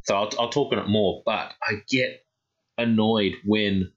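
A man talks casually on a podcast in a lowish voice. He rambles, leaning on fillers and tag questions. The recording sounds a little dull and lo-fi. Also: steady tone, measured pace. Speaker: podcast co-host. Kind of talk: casual chat.

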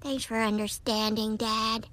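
A bright, earnest eight-year-old cartoon girl. The voice sits high and sounds sharp and bright. She talks eagerly and earnestly. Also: level tone, a little slow, no room sound. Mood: apologetic.

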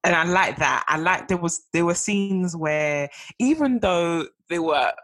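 A woman's voice: on the low side, lively intonation, unhurried, fairly bright tone, no echo. A young woman, chatting casually as a podcast co-host, often laughing and trailing off mid-sentence. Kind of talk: casual chat.

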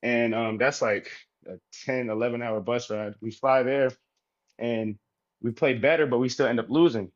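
An easygoing man talks in a relaxed, rambling way, leaning on fillers as he goes. His voice sits in a middling pitch. The sound is a little muffled and lo-fi. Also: normal speed. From United States. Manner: relaxed, rambling, many fillers like "you know". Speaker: guest, professional basketball player. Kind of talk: casual interview talk.

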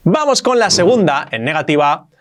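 A man's voice: a little high, very animated, normal speed, a bit bright. A man with a Spain Spanish accent teaching English as a video lesson, emphatic and repeating example sentences.

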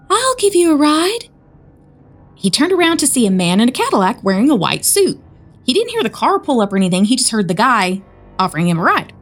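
A woman with a Southern American accent, co-hosting a podcast and chattily retelling a spooky story. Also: medium pitch. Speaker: podcast co-host. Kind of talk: casual storytelling chat.

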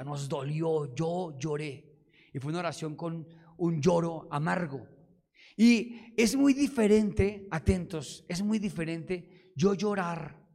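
A preacher man delivering an animated sermon, his fairly high voice dropping to a hush one moment and rising to near shouts the next. He acts out voices and prayers as he goes. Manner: animated, acts out dialogue and prayers, swings from hushed to loud.

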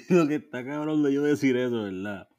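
A man's voice: mid-range voice, animated, moderate pace, darkish tone, lo-fi sound. A man, co-hosting a podcast in casual, profane chat and mixing in English phrases. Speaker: podcast co-host.

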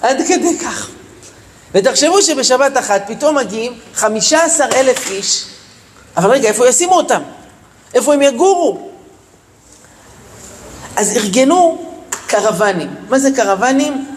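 A man telling a story to schoolchildren in a school, animated and asking them questions. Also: very high voice, pauses often, long reverb tail, slight background noise. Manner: animated, asks the children questions. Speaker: storyteller speaking to children. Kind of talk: storytelling talk for children. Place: school in Israel, large room.

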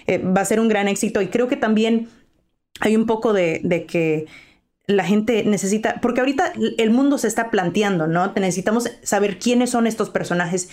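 A woman's voice: medium pitch, normal speed, darkish tone. Woman guest mixing English into Spanish. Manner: hesitant, mixes English words into Spanish. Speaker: podcast guest, show creator. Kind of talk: casual interview chat.

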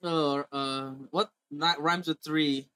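A young man from India co-hosting a podcast in casual comedic banter, animated, crude and full of swearing. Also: fairly high pitch, takes it slowly, clear, resonant tone, dry recording. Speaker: podcast co-host.

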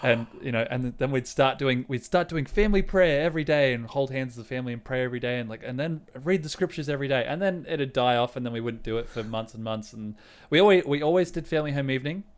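A man's voice: medium pitch, fast talker, clean tone. A man co-hosting a podcast, chatting casually, rambling and swearing, often laughing. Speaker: podcast co-host. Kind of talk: casual chat.

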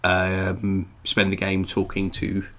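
A man's voice: low-pitched, completely flat delivery, slow, a bit bright. A man co-hosting and editing a podcast, chatting casually about a game with dry, self-deprecating humor and frequent laughs. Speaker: podcast co-host and editor.

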